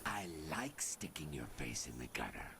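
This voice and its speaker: An actor playing a menacing gang thug who taunts and threatens in a gravelly voice. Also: male voice, wildly swooping pitch, moderate pace, crowd noise, full character voice. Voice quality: gravelly, very deep.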